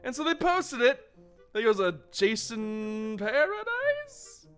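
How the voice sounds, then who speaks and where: A man streaming a game, chatting excitably and laughing, with tangled rambling asides. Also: very high-pitched, takes it slowly, smooth. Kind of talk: casual gameplay chat. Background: game music.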